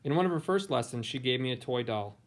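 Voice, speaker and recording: With slight noise behind him, the American-accented teacher sounds animated and quick, his voice mid-range, as he informally opens a picture book read-aloud.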